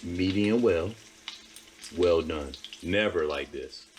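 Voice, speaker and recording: A man's voice: low voice, slow, background noise. A man casually showing how he cooks a steak in his home kitchen, emphatic and repeating his points. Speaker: home cook vlogger. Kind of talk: casual cooking demonstration. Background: sizzling pan on a stove.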